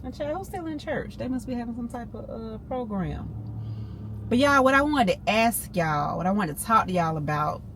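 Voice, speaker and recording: A woman's voice: fairly high pitch, animated, moderate pace. Chatty woman in her fifties. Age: 50s. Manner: chatty, talks straight to viewers as "y'all" and "girl". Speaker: vlogger. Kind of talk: casual car vlog chat. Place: in a car. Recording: noisy car ambience.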